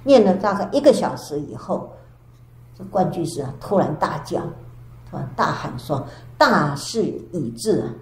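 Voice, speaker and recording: An older woman, a Buddhist nun, giving a storytelling dharma lecture with drawn-out sentence particles. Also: on the low side, sing-song, darkish tone. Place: temple lecture hall. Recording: echoey hall with faint background hiss.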